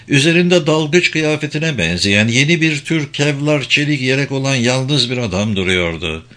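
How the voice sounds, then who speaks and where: A man reading a first-person audiobook in a steady, deliberate way. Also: mid-range voice. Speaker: audiobook narrator.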